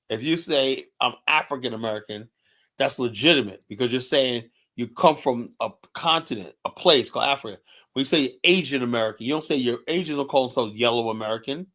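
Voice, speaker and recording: This man's voice is mid-range, pushed and bright as he streams heated political commentary. He's blunt, goes over the same points again and again, says "you know" between thoughts, and ridicules people by voicing their quotes in put-on tones.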